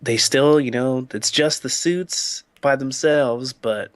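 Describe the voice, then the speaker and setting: Rambling along with his co-host, a man keeps things casual and leans heavily on fillers like "like" and "you know." He talks slowly in a mid-range voice, recorded dry.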